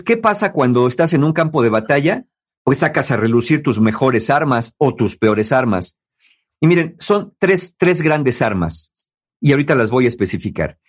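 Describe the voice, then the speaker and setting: A man hosting a talk on relationships, explaining to his listeners in a lively way. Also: medium pitch, slightly rough. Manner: lively, acts out quoted people in mocking voices. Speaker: host giving relationship advice.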